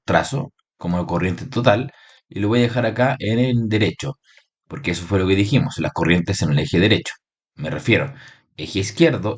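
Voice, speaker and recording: Low-voiced man explaining a software tutorial. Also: breathy edge. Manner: explains step by step, checks in with frequent "¿sí?" and "¿bien?". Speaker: electronics teacher. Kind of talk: screen-recorded software tutorial.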